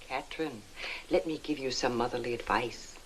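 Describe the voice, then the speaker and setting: A woman's voice: a bass voice, moderate pace, slight background noise, low-quality recording. A middle-aged actress playing a motherly, knowing American wife with a dry manner, in 1960s film acting.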